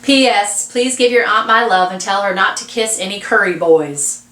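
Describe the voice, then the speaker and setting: A woman's voice: medium pitch, moderate pace, a bit bright, slight background noise. Woman reading a storybook aloud. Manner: chatty asides to listeners. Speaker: reader. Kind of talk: reading a children's novel aloud. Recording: roomy echo.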